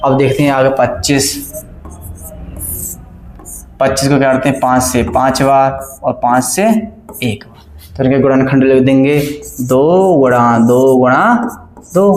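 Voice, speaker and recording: A man teaching a math class, talking the sums through one step at a time and checking again and again that everyone follows. The room rings with a strong echo and a faint hum underneath. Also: mid-range voice. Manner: keeps asking the class questions and checking they follow; works sums aloud step by step, repeating numbers. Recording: echoey classroom, faint background noise.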